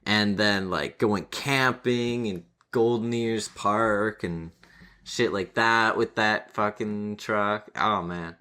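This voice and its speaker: Laid back young dude w a bright voice, swears a lot, chatting on a podcast call. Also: male voice, on the low side, takes it slowly, clear, resonant tone. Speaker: podcast co-host. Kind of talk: casual chat. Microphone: computer mic over a voice call.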